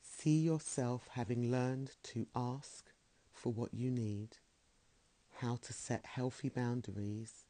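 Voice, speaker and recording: A man leading a guided meditation in a slow, soothing, soft-spoken way. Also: medium pitch, steady tone.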